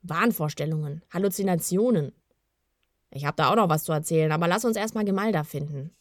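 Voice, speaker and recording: A woman's voice: lowish voice, brisk, dry recording, studio quality, lightly acted. A woman voicing a worried, bearded male kobold who talks in an anxious, urging way in a storybook reading. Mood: uneasy.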